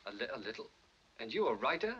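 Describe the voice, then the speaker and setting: An actor playing a teasing upper-class man in a 1940s film, with a Mid-Atlantic accent, quick and clipped. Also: mid-range voice, big pitch swings, sharp tone, breathy edge, exaggerated voice. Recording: dull old film soundtrack from afar.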